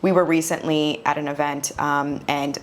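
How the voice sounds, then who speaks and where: A woman in her forties hosts a conversational podcast interview. Her voice is low-pitched and her questions come out casual and curious. A faint noise hangs behind her voice. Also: level tone, normal speed. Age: 40s. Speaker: podcast host.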